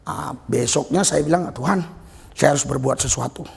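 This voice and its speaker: A man's voice: on the high side, normal speed, gravelly, darkish tone. A male pastor telling stories in a sermon, acting out other people's voices as he goes. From Nias, Indonesia. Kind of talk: storytelling sermon. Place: church service.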